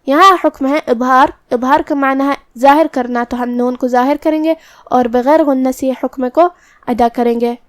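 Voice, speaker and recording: A woman teaches Quran recitation rules, going through each letter and sound step by step. Her voice is high and smooth. She is recorded close and dry, with no room sound. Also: fairly even intonation, no echo. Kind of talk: tajweed lesson with slow recitation.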